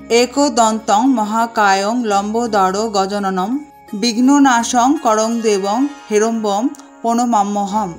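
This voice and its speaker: A woman giving calm, methodical step-by-step instructions for a home worship ritual and chanting mantras slowly. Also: medium pitch.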